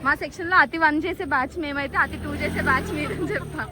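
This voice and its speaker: A high-pitched young woman in her twenties talks fast into her phone camera, teasing friends and mixing in English words. She is outdoors on a busy college campus, and a crowd chatters loudly behind her. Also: huge pitch swings, background noise. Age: 20s. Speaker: vlogger and graduating student. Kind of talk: casual vlog chat with friends.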